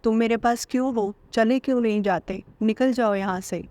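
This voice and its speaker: A woman's voice: fairly high pitch, normal speed, dark tone, no room sound, close to an everyday voice. Young wife figure, sulky, stubborn, reproachful, woman reading her, dry sound. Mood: tearful.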